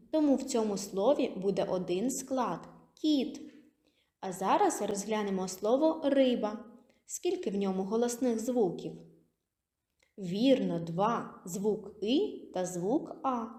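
Woman teacher talking to little kids, spells out syllables slow and clear, roomy echo. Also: mid-range voice, dark tone. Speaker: kindergarten teacher. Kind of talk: literacy lesson for young children. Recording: echoey room.

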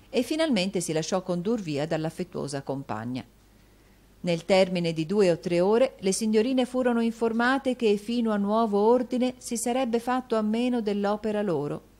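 A woman narrating a classic novel as an audiobook in a measured, even reading manner. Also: on the low side.

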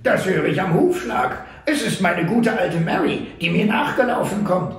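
A man's voice: sits high, lively intonation, normal speed, pitched above the performer's own voice. A man doing the wily little old trapper Sam Hawkins. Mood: jovial. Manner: clipped folksy phrasing, drops pronouns. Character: small odd old male trapper, wily and joking. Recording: echoey room.

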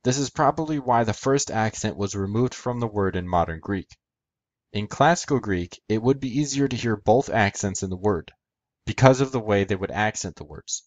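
Low-voiced man explaining step by step. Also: lively intonation, moderate pace, no echo. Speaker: educational video host. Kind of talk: scripted explanatory narration.

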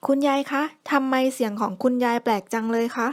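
A small, friendly girl from a bedtime storybook, voiced by a woman asks polite, curious questions. Her voice is pitched high and bright. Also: steady tone, brisk, natural voice.

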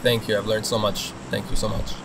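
A young man commentating his own game as he plays, excitable and swearing, swinging between nervous muttering and loud outbursts. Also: fairly low pitch, a little fast, creaky, noisy background. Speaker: gaming video host. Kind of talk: casual gameplay commentary.

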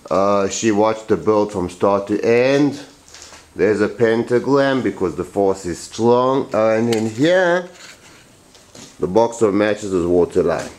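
Filming himself with a handheld camera at arm's length, a boatbuilder vlogger in his forties gives a workshop tour of a large wooden boat shed. He rambles, speaks bluntly and animatedly, and restarts often, in a lowish voice that takes things slowly, with slight background noise.

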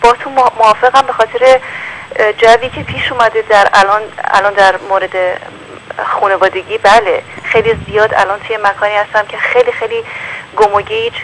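A woman's voice: medium pitch, fairly even intonation, a bit bright, slight background noise, rough recording. A woman from Iran calling in as a worried mother, speaking hesitantly and mixing in English words. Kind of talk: phone-in call.

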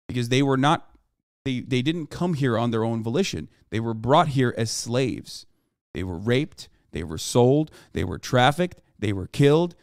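A man in his thirties delivers emphatic, profanity-laced political commentary on a livestream, lecturing into a close desk microphone. His voice is medium in pitch and the recording is dry, made in a small room at home.

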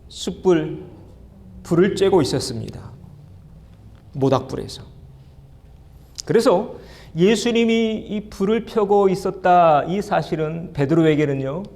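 Gravelly-voiced Korean pastor preaching a sermon. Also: male voice, on the high side, darkish tone. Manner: asks the congregation questions and leads group reading. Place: church sanctuary.

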